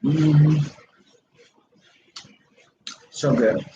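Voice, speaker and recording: A woman's voice: deep voice, drawn-out words. A woman hosting a casual eating livestream at home on her phone, talking between bites and humming over her food. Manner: relaxed, savoring food with frequent hums. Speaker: livestream host. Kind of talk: casual mukbang livestream chat. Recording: echoey, dull, noisy phone livestream.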